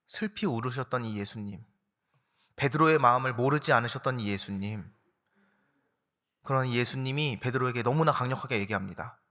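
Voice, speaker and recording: A man preaching an early-morning sermon as a pastor, earnest and reflective, sinking low and quiet when he quotes scripture. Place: church.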